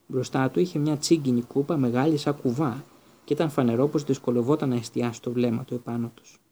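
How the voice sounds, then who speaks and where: A man's voice: mid-range voice, fairly even intonation, mellow, slightly rough. A man narrating an audiobook steadily, with occasional stumbles.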